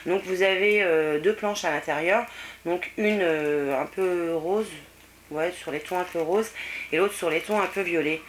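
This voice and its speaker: Middle-aged woman, French accent, low-ish voice, hesitant chatty haul vlog, noisy home recording. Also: unhurried. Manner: chatty, many hesitations and fillers. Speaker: vlogger. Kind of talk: casual haul video chat.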